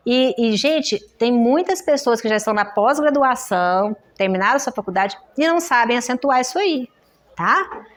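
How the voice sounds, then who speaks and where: A woman's voice: on the high side, animated, normal speed. A woman with a Brazilian Portuguese accent teaching a classroom lesson on writing errors, explaining step by step and often checking in with her students. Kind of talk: classroom lecture. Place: in-person workshop room.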